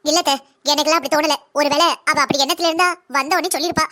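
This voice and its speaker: A woman voicing a young, blunt and defiant daughter-in-law in a cartoon drama, speaking in a fast, lecturing way. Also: sits high, fairly even intonation, bright, forceful tone.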